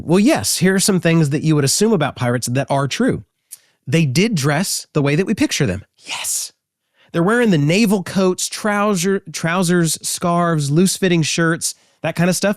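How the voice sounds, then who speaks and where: A man hosting a casual educational talk, animated and joking, with frequent fillers. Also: on the high side, no echo, clean studio sound. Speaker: host.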